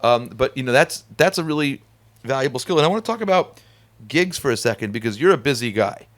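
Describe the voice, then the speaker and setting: A man hosting a casual studio conversation, talkative and animated, laughing often. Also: mid-range voice, fast. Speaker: podcast host. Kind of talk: casual chat.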